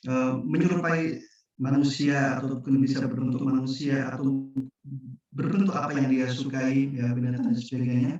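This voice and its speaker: A man giving an online Quran study talk as a religious teacher, speaking haltingly and often pausing to search for words. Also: medium pitch, a little mellow. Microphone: video call. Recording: echoey, distant, muffled video call.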